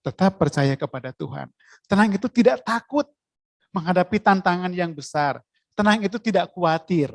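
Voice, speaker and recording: Lively preacher. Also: mid-range voice, dry recording. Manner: lively, asks the listeners questions. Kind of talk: sermon.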